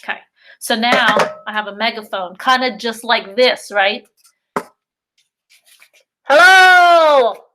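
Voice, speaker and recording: A woman preschool teacher leading a virtual circle time for young children, talking slowly and drawing out words in a sing-song way. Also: on the high side, steady tone, heavy background noise.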